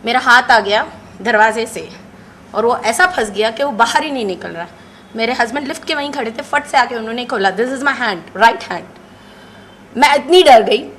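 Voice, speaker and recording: A woman in her thirties telling a lively personal story and acting out the dialogue, with English phrases mixed in. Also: high voice, a little hiss or hum. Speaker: session participant sharing a testimonial.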